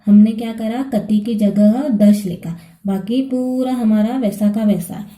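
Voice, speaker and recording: A woman teacher speaks slowly and patiently, with a very dark, mellow tone. She explains each step of the lesson to her students and keeps checking that they follow. Her voice carries a clear echo from the room. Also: on the high side, steady tone.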